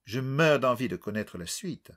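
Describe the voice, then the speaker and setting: A man's voice: medium pitch, animated, normal speed. Man putting on a sweet old English lady. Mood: gushing. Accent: caricatured English. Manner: soft, distinguished, gushing. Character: sweet, genteel elderly British lady.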